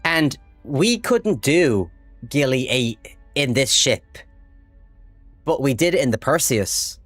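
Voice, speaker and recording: An Irish man chatting casually while livestreaming a game, excitable and swearing freely as he talks to his chat. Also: medium pitch, takes it slowly, no room sound, soft background music. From Ireland. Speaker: livestream gamer. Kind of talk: casual live gameplay chat.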